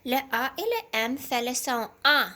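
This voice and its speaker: A woman teacher leads a reading lesson for young children from home. She talks at a very unhurried pace, stretching out each syllable with care, in a somewhat high voice. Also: big pitch swings, sharp tone. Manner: slow and deliberate, sounding out syllables.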